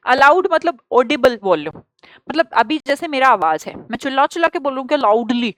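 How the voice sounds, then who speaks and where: A woman with an Indian accent teaching an exam-prep grammar lesson, explaining lively and asking her students rhetorical questions. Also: sits high, fairly quick, no room sound.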